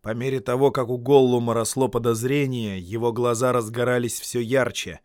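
A man reading a fantasy tale aloud as an audiobook, with expressive storytelling and dramatic shifts in loudness. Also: medium pitch, moderate pace, no room sound, studio quality. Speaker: audiobook reader. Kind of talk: scripted narration.

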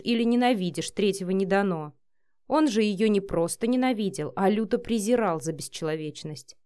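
A woman narrating a romance audiobook in an expressive, even storytelling manner. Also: medium pitch.

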